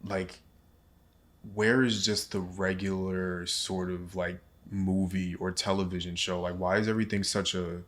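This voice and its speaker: A man co-hosts a podcast in a relaxed conversational style. His voice is low and stays fairly even in tone. He works through his arguments one at a time. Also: unhurried. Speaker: podcast co-host. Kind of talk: casual conversational chat.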